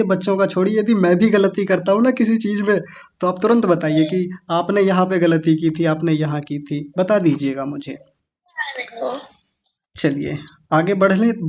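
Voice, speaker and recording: A man's voice: high voice, a little mellow, dull audio. A man teaching an online class, patiently sounding out words syllable by syllable for his students. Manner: patient, slow syllable-by-syllable demonstration. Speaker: Sanskrit recitation teacher.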